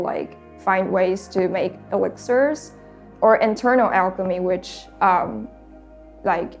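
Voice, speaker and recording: A young woman from Taiwan, a painter talking thoughtfully about her work in a documentary interview, often pausing to search for words. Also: mid-range voice.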